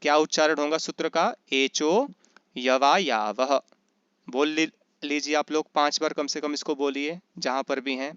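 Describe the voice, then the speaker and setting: A man teaching Sanskrit in an online class, asking questions and answering them himself, and slowly chanting grammar rules. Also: on the high side, little pitch movement, a bit bright, clean tone, dry recording, highs cut off. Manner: often checks in with "is that right?". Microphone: computer mic in an online class.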